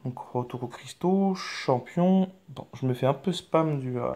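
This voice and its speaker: A man of middle pitch hosts a mobile game channel in casual gameplay commentary. He rambles and hesitates, often stopping on fillers and starting his sentences over. His tone stays frank and offhand, with some mild swearing. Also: unhurried, a little mellow.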